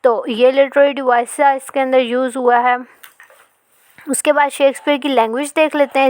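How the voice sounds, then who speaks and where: A woman teaching a literature lesson. She explains in Hindi, reads English passages slowly, and often checks in with "ठीक है". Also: on the high side, clear, resonant tone, no echo.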